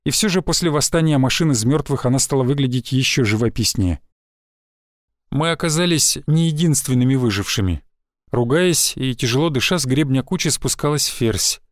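A man's voice: medium pitch, no echo, studio quality. Man narrating a sci-fi audiobook. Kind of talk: scripted first-person narration.

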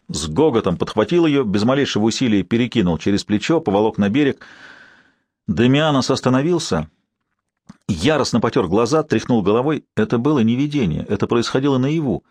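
A man narrating an audiobook in a measured, literary reading. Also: medium pitch, a little mellow, no echo. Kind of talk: scripted narration.

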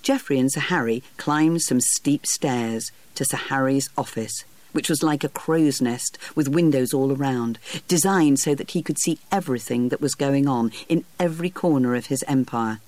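A man narrating a story as an audiobook reader, in a measured, even storytelling manner. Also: medium pitch, no room sound.

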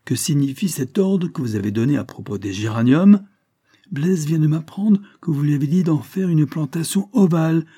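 A man voicing a sharp-tongued, domineering older spinster in an audiobook. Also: fairly high pitch, animated, normal speed, slightly rough, voice pushed up. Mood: angry. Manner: scolding, domineering.

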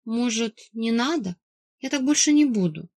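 A naive teenage girl whimpers and pleads through her tears, voiced by a woman reading a novel. Her voice sits high and strained. The storybook reading sounds close and dry. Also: lively intonation, normal speed, a little mellow, dry recording. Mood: sheepish. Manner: whiny, tearful pleading. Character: weepy teenage girl, naive younger sister.

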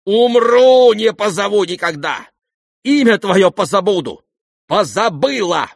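A man voicing an irascible aristocratic older woman who scolds and shouts imperiously in an audiobook. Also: high-pitched, big pitch swings, a little slow, vocal fry, no echo, clean studio sound, voice pushed up, full character voice. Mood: furious. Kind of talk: audiobook character voice.

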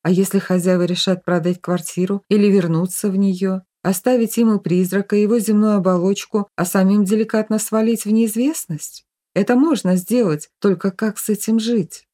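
Female audiobook narrator, warm dark tone, even scripted storytelling. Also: medium pitch, moderate pace.

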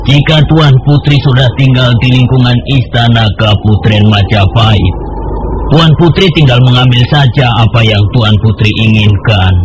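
A man playing a flattering, deferential royal soldier who speaks persuasively in an Indonesian radio drama. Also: mid-range voice, normal speed, lightly acted. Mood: coaxing. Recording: noisy radio drama recording.

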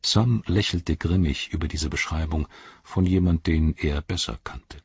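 A man narrates a fantasy audiobook in a calm, measured way, his voice very deep and heavily husky. The recording is dry and close, with a dull, lo-fi sound. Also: dry recording. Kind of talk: scripted narration.

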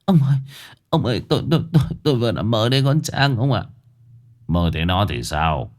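A man's voice: slow pace, gravelly, full character voice. A man voicing a frantic middle-aged village mother who stammers and cries out in fear. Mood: distraught. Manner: sobbing, shrill, stammering.

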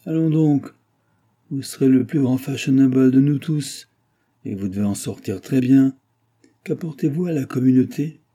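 A man reading an audiobook and voicing a pompous, lecturing brewer's clerk who talks loudly and emphatically. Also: medium pitch, normal speed, voice pushed up, close to an everyday voice. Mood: emphatic. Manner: lecturing, self-important, emphatic.

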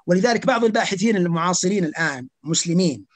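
A man's voice: high voice, animated, rapid-fire. A man, speaking as an academic guest on a podcast, arguing emphatically with rhetorical questions and stumbling restarts. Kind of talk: podcast conversation.

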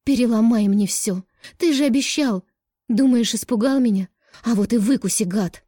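A woman voicing a defiant young woman who is crying and shouting in high outbursts. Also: steady tone, moderate pace, slightly rough, no room sound, clean studio sound, close to an everyday voice. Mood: furious.

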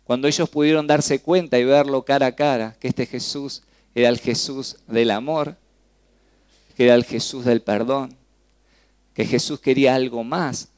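A man with an Argentine accent preaching a sermon in church, swinging between loud exclamations and hushed, low lines. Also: creaky, smooth. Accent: Argentine Spanish. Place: church service.

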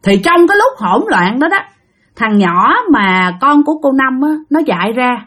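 A woman narrates a spooky tale as if chatting with friends. She speaks directly to her listeners and repeats lines for emphasis. Her voice is fairly high and swoops up and down expressively. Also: very animated, normal speed, fairly bright tone. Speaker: storyteller. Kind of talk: conversational ghost story narration.

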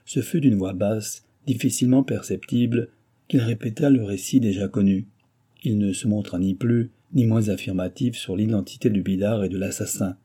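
Homme narrateur à la voix sombre et voilée. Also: male voice, fairly low pitch, moderate pace, warm tone, breathy edge. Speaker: audiobook narrator. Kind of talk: scripted narration.

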